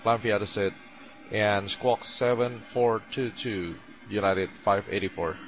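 A man calling air traffic control over a cockpit headset, reading back clearances in a brisk routine way. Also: on the low side, fairly even intonation, highs cut off. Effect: pilot radio over cockpit headset. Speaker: airline pilot. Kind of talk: air traffic radio calls.

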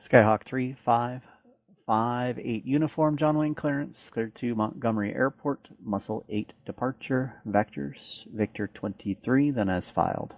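A man working as an air traffic controller, reading out clearances in brisk, clipped phrasing over an aviation radio transmission. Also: medium pitch, dry recording. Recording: muffled dry radio audio.

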